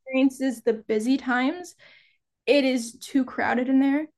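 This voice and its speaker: A young woman guesting on a podcast, her voice quite high. She tells animated stories in easy casual chat and laughs between them. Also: unhurried.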